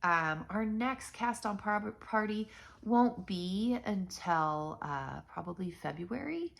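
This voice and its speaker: A woman's voice: mid-range voice, lively intonation, takes it slowly, creaky. A middle-aged woman with a stuffy, nasal voice, chatting casually to viewers as host of a knitting channel, rambling with many ums and restarts. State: stuffy, nasal from blocked sinuses.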